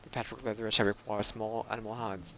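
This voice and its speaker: A man's voice: lowish voice, little pitch movement, quick pace, bright, forceful tone, slight background noise. Man putting on a pompous armored old-world carpenter. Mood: pompous, solemn. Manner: pompous, archaic phrasing. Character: grandiose armored carpenter with archaic speech.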